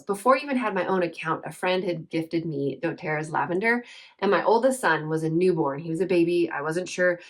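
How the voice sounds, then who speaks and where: Chatty mom sharing oil tips, lowish voice. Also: female voice. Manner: chatty, earnest, hunts for words with filler. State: briefly teary. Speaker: essential oils seller. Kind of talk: casual how-to chat.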